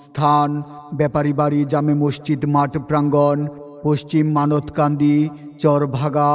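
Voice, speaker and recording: Man announcing in loudspeaker style, monotone. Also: fairly high pitch, unhurried. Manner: chanted, sing-song listing of details. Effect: loudspeaker-style announcement with long reverb. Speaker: event announcer. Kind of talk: promotional event announcement for loudspeaker. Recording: long hall reverb over faint music.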